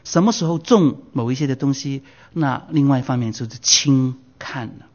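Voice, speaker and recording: A man in his sixties preaching a Bible sermon, his voice surging high and loud for emphasis and slipping in English phrases. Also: moderate pace. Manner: drops English phrases into Mandarin. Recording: dull lo-fi recording.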